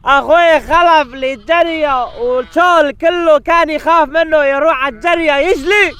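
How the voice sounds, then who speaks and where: A man's voice: extremely high pitch, normal speed, pushed and bright. A man playing a hospitable herder who lives out in the desert, speaking in a comic sketch and earnestly repeating brotherly address. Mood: worried. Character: hospitable rural male herder living out in the desert.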